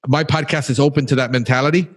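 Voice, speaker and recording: A man's voice: mid-range voice, fairly even intonation, fast talker. A man who hosts a podcast, talking casually in an emphatic, encouraging, talkative way. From Cuban background. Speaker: podcast host.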